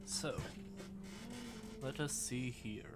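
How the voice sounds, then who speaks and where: A man speaks very slowly at a medium pitch while hosting a livestream over quiet background music. His explanations are casual and rambling, folksy with howdys and y'alls, and he mutters little asides to himself.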